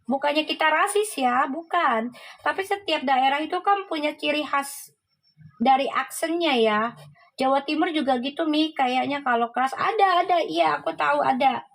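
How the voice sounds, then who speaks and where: A woman's voice: sits high, moderate pace, creaky, fairly bright tone, low-quality recording. A woman hosting a casual livestream, chatting and reacting to viewer comments, laughing often.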